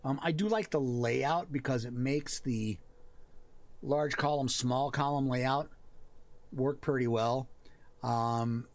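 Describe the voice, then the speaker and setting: A man hosting a live help stream, chatting casually and thinking aloud as he looks over work on his screen. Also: mid-range voice. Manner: thinks aloud, pausing and restarting as he reads. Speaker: host of a writing and worldbuilding help stream.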